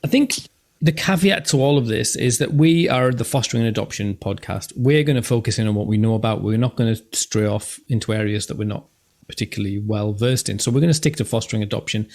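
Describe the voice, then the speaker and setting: A man's voice: on the low side, creaky, a little mellow. A man co-hosting a podcast in casual chat, with dry, self-deprecating humour. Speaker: podcast host.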